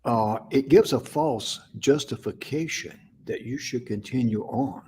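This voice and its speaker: A man's voice: medium pitch, a little slow, warm tone, a little hiss or hum. Folksy man co-hosting a talk show. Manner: folksy, chuckling, acts out quotes. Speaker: co-host and producer. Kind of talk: casual talk-show chat.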